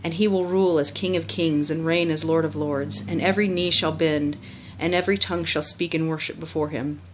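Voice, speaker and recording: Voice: mid-range voice, steady tone, fairly quick, noisy background. A person reciting a memorized religious text by rote, formal in wording, with small stumbles and self-corrections.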